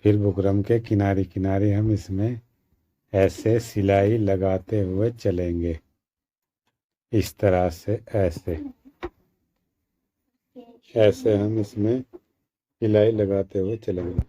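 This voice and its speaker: A man with a slightly sore throat gives a slow, repetitive step-by-step sewing tutorial as a tailoring instructor. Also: on the low side, fairly even intonation, warm tone, a little hiss or hum. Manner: slow, repetitive instructions addressing viewers as friends.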